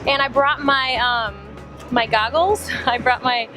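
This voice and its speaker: A woman's voice: sits high, fairly even intonation, measured pace, music in the background. A young woman from Cuba, chatty and upbeat, talking through a casual travel vlog outdoors in a beach town. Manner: chatty, upbeat, many fillers. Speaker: vlogger.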